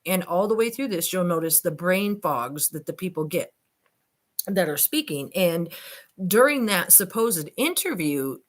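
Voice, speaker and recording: With a low-leaning, animated voice and a measured pace, a woman reads a transcript and offers casual commentary. As an online commentator and host, she addresses her listeners directly and sprinkles in skeptical asides.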